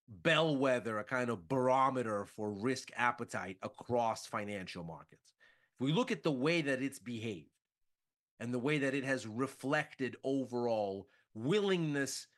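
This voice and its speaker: Male analyst, unhurried and methodical, explains market expectations step by step. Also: mid-range voice, fairly bright tone. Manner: measured, methodical, rhetorical questions.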